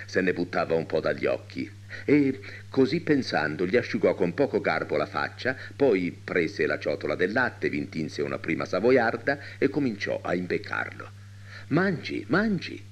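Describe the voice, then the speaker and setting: A man reading a literary short story aloud with dramatic expression. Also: sits low. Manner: dramatic, wide-ranging delivery. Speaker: reader.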